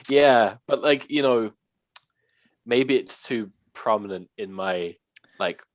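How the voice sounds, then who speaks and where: A man's voice: on the low side, slow, no echo, dull audio. A man, chatting candidly on a podcast and laughing between words. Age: late 20s. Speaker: podcast co-host. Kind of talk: casual chat.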